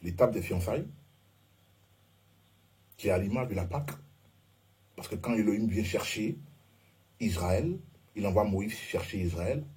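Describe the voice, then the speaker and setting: A man teaches a relaxed Bible and Hebrew lesson, pointing his listeners to slides as he goes. His voice is deep, dark and mellow, and very husky. He pauses on fillers and keeps asking whether they follow. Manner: keeps checking in with "ok?" and "vous voyez?", often hesitates with "euh". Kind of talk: informal teaching talk with slides.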